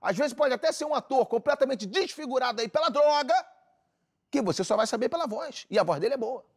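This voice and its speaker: A brash, high-voiced van driver host. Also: male voice, expressive, heavily acted. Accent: Brazilian Portuguese. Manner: pushy, rushing, salesman-like. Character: brash male van driver hosting a culture show. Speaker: show host, alternative transport driver Rogerinho. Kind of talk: scripted comedy sketch hosting.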